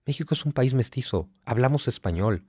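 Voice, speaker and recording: This man in his forties, a guest writer with a Mexico City accent, talks briskly in an interview, using lively intonation in a medium-pitched, warm, husky voice. He lectures emphatically, stacking lists and rhetorical questions, recorded dry with clean studio sound.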